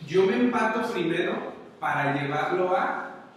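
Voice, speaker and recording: A man's voice: high-pitched, animated, a little slow. A man with a Mexican accent giving a motivational lecture to an audience, talking conversationally and asking them questions all the time. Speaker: conference speaker. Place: large conference hall. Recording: very echoey hall, distant, faint noise.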